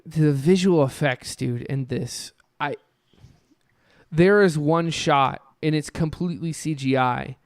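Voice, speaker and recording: In a dry, studio-quality recording, a young podcast co-host speaks in a smooth, fairly high voice. He chats casually and rambles with enthusiasm, leaning on plenty of fillers.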